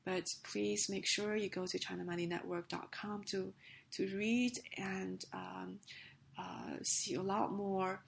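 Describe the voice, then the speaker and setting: A woman reads business news for a podcast in a hoarse, heavily gravelled voice that sounds under the weather. Her delivery is scripted but halting, at a middling pitch, with faint noise behind her. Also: flat delivery. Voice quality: rough, gravelly voice. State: hoarse with a sick, coughing voice.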